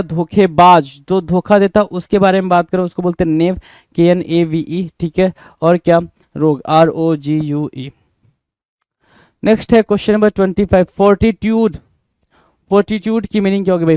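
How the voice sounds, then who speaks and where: High-voiced man teaching vocabulary. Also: a little mellow, clear, resonant tone, no room sound. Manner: spells words letter by letter, asks and answers his own questions. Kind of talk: exam-prep vocabulary lesson.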